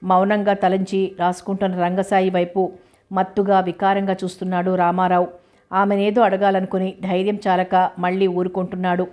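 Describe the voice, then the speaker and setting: A woman reads a story aloud at a measured pace. Her voice stays level throughout, with little change in pitch, and her delivery is steady and even. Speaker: narrator. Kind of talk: storytelling narration.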